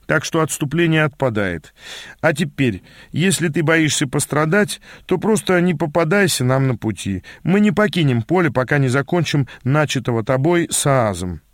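A man's voice: a little high, lively intonation, moderate pace, no echo, clean studio sound, lightly acted. A man voicing a bold, stubborn young woman fighter who talks bluntly and teases. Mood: defiant. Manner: blunt and teasing.

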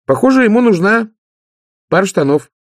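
A man voicing the youngest of three sisters, an eager, whiny young woman who rushes her words. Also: high-pitched, sing-song, no room sound, clean studio sound, voice pushed up. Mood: excited. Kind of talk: audiobook character voice.

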